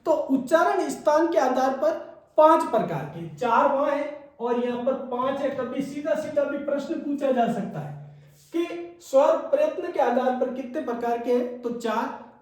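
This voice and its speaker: A man's voice: extremely high pitch, a little mellow. A man teaching Hindi grammar as a classroom lecture, repeating key points and checking in with his students. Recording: echoey room, mic far off.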